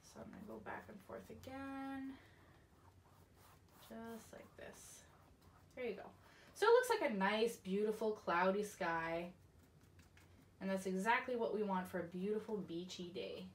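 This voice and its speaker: A woman's voice: medium pitch, expressive, a little slow, long pauses. A woman in her thirties from Canada, a painting instructor who walks through each step of a tutorial in a friendly, instructive way. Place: indoor craft studio with paint shelves.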